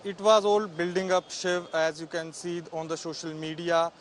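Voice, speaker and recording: A man's voice: a little high, level tone, moderate pace. A man with an Indian accent giving a live investigative news report as a field reporter. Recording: faint outdoor traffic noise on live link.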